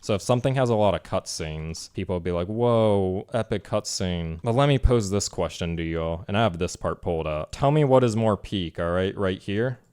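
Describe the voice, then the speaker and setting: A man's voice: low voice, expressive, a little fast, few pauses, darkish tone, a little hiss or hum. A man streamer giving a casual, rambling, sarcastic rant about a game.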